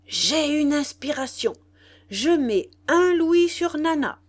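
A woman reading aloud and voicing an eager young man placing bets, with an excited, raised voice. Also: sits high, slow, pitched above the performer's own voice.

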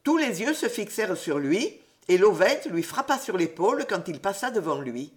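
A woman reading a storybook aloud in an expressive, animated way. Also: medium pitch, moderate pace.

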